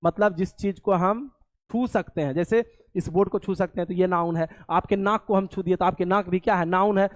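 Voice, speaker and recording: A male teacher with a fairly high voice leads a classroom lesson. He poses a question, answers it himself right away, and repeats the key terms again and again so they stick. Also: steady tone, moderate pace. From India. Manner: asks and answers his own questions; repeats key words for drill.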